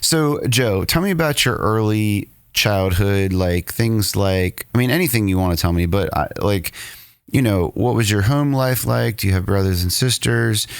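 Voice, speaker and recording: Male podcast host, deep and gravelly, easygoing teasing questions. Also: normal speed, dry recording, clean studio sound. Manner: laid-back, teasing, laughs easily. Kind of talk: casual podcast chat.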